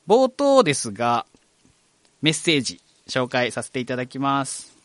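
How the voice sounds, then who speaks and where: A man's voice: medium pitch, big pitch swings, moderate pace, fairly bright tone, dry recording. A man hosting a live radio program, speaking with a Kagoshima accent in a chatty, friendly way. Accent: Kagoshima dialect. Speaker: radio host.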